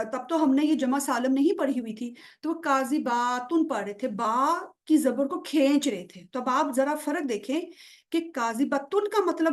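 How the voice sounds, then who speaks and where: A woman teaching Quranic grammar in an online lesson, patiently checking understanding and stretching out example words. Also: sits high. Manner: drawls example words slowly to show pronunciation.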